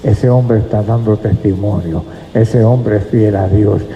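A man's voice: on the low side, fairly even intonation, unhurried, soft background music. A man preaching a sermon in a church, emphatic and speaking to the congregation as brothers. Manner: emphatic, addresses listeners as brothers. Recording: echoey hall, dull lo-fi sound.

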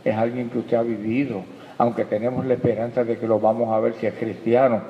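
A man preaching a sermon as pastor, calling listeners brother and building to loud, fervent peaks. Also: medium pitch, little pitch movement, a little fast. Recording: echoey hall, dull lo-fi sound.

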